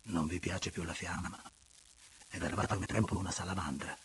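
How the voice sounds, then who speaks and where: A man voicing a longing young gentleman in an audiobook reading, quiet and intent. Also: low-pitched, steady tone, moderate pace, slight background noise, close to an everyday voice. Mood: coaxing.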